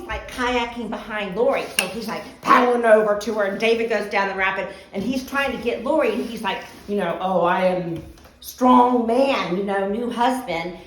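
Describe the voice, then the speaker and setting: An animated woman recounts a misadventure in casual storytelling, laughing now and then and jumping into shrieks to act out the others. Her voice sits in a middle range. The room around her is noticeably echoey. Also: medium pitch. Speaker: friend telling stories at a birthday tribute.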